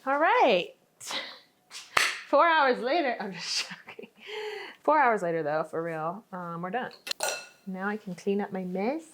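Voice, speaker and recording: A woman's voice: on the low side, normal speed, heavy background noise. Chatty, laughing young woman vlogger. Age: young adult. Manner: chatty, self-mocking, frequent laughs. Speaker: lifestyle vlogger. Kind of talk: casual chat while baking. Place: home kitchen.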